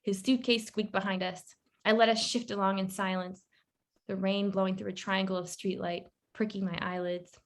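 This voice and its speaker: A woman author reading her own short story aloud in a measured, wry first-person narration. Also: medium pitch, little pitch movement.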